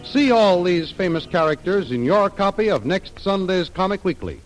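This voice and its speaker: A man's voice: sits high, big pitch swings, normal speed, soft background music, low-quality recording. A man announcing and narrating a 1930s radio serial in dramatic, scripted style.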